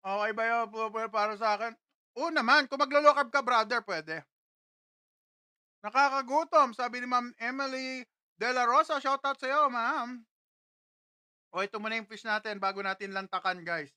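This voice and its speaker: A woman's voice: a little high, normal speed, pushed and bright, clear, resonant tone, dry recording. A woman hosting a casual live stream from a studio, greeting viewers one after another and tasting food on camera.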